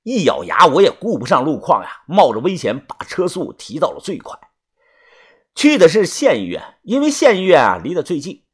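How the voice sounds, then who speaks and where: A man reads a story in the first person, with a husky voice. His tone swings widely from hushed to loud, and he drags out filler particles for drama. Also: on the high side, wildly swooping pitch, moderate pace. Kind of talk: first-person audiobook narration.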